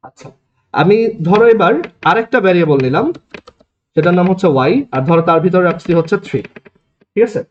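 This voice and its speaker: A man's voice: high voice, expressive, fairly quick, long pauses, slight background noise. A man with a Bangladeshi Bengali accent teaching a programming class, explaining step by step and checking with his students. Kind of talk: classroom lecture. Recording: echoey classroom, dull lo-fi sound.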